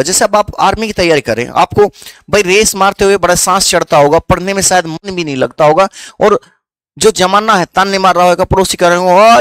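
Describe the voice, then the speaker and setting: A man's voice: high-pitched, a bit bright, no room sound. A young man with a Haryanvi accent teaching history as a story, often repeating questions back to his students.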